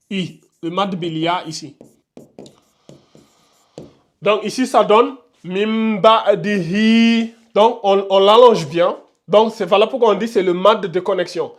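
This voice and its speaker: A man gives a tajwid lesson in a live online class. He talks in quick bursts and keeps pointing things out over and over. Then he slows right down to chant each example. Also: high-pitched. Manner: repeats words often, points at symbols on the board. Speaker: tajwid teacher.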